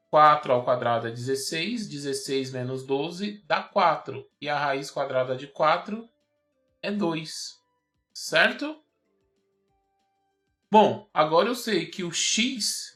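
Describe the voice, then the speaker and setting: A man's voice: on the high side, a bit bright. A man with a Brazilian Portuguese accent, teaching a math lesson patiently and checking often that the student follows. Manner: patient and repetitive, checks understanding with "certo?" and "ó". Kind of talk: explaining math at a whiteboard.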